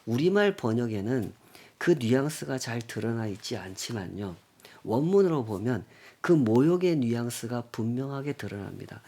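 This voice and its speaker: Gravelly male pastor preaching emphatically. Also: mid-range voice, expressive, moderate pace. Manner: emphatic preaching with rhetorical questions, swinging from loud to near-whisper. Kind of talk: Sunday sermon.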